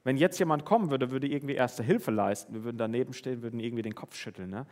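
Male preacher, mid-pitched voice, conversational sermon with Bible reading and many questions to listeners. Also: fast, a little mellow.

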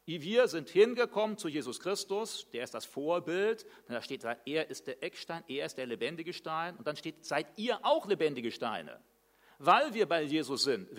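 A middle-aged man delivers a sermon in a talkative, conversational way, posing questions to the listeners. His voice sits fairly high and swings widely in pitch. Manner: lively, conversational preaching with rhetorical questions. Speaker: preacher.

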